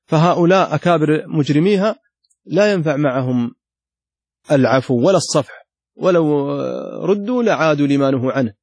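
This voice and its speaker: A man's voice: a little high, animated, fairly quick, pauses often, a little mellow, no room sound. A man teaching a lesson, reading a classical text aloud and then restating passages in his own words with added emphasis. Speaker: Islamic scholar teaching a lesson.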